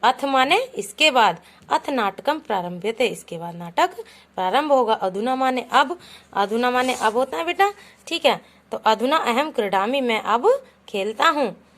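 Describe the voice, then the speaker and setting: A woman's voice: fairly high pitch, animated, a little slow, a bit bright. A woman teaching a Sanskrit lesson to children, patiently reading each example aloud and then explaining it. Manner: patient, calls the pupils "beta", reads each example aloud then translates it. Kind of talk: classroom lesson explaining Sanskrit words in Hindi.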